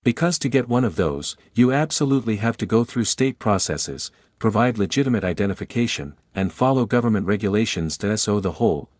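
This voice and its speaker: A man's voice: on the low side, no echo, clean studio sound. A man reading scripted video commentary in a mocking, sarcastic manner. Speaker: narrator.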